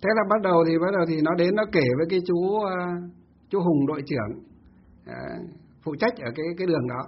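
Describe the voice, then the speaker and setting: A man's voice: a little high, animated, fast, breathy edge, highs cut off. A Buddhist monk telling a story in a Dharma talk, asking himself rhetorical questions as he goes.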